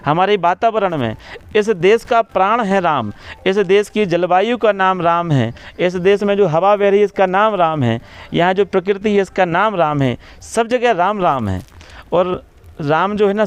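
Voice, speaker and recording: A man, a religious preacher, explaining devotion in an interview in a measured way, slowing down to recite verses and repeating key phrases. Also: sits high, clean tone. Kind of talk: devotional explanation in a press talk.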